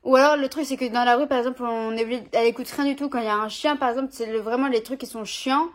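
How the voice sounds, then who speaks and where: A young woman with a slightly high voice talks casually to her camera at home. Her speech is loose and slangy, full of little fillers and restarts, like an easygoing vlog chat. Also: steady tone, rapid-fire. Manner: chatty, informal, slangy, frequent fillers. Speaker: vlogger.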